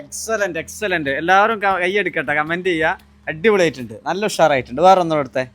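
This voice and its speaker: A man's voice: fairly high pitch, brisk, a bit bright. A man, a vlogger casually interviewing a child performer and urging viewers to comment and share.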